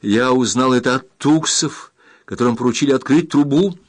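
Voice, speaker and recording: A man voicing a brave, urgent young woman, high-pitched. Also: normal speed, close to an everyday voice. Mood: earnest. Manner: urgent, pleading, raised and higher.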